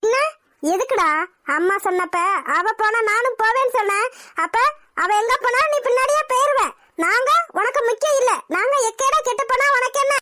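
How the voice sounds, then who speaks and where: Whiny jealous cartoon daughter, super high bright voice. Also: female voice, brisk. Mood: sulky. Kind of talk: cartoon voice acting.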